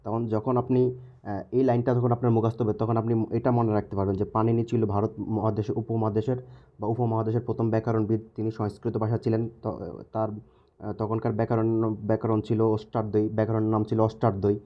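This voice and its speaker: Male teacher, deep-ish voice, patient and repetitive, dull lo-fi recording. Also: flat delivery. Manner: repeats key words slowly, asks checking questions. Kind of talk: casual recorded lesson.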